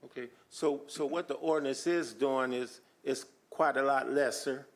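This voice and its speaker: A man, a city alderman, asking questions at a council meeting, halting and repeating words while he thinks. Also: mid-range voice, fairly even intonation.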